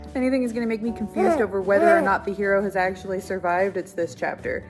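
A woman's voice: medium pitch, fast talker, faint music behind. A young woman chatting casually about a book she is reading, rambling a little and making self-deprecating asides, recorded at home in a living room on a tablet's built-in mic. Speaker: book club vlogger. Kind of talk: casual book discussion chat. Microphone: tablet built-in mic, close and low.

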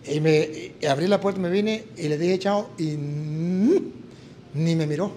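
Animated Latin American priest telling a story. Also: male voice, fairly high pitch, unhurried, a little hiss or hum. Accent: Latin American Spanish. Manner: animated, acts out dialogue in story. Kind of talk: sermon with storytelling.

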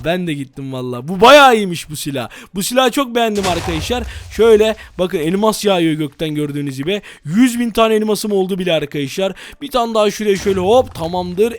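A man doing excited gameplay commentary as a gaming YouTuber, exclaiming and talking straight to viewers. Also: high voice, slight background noise.

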